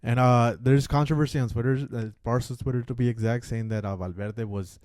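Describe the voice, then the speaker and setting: A man with a dark, mellow voice chats about football on a podcast, loose and profane, tossing in "dude" as he goes. His voice sits in a middle register and is recorded dry and close. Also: medium pitch, fairly quick, no room sound. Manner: relaxed, swears casually, says "dude" often. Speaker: podcast co-host. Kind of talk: casual sports chat.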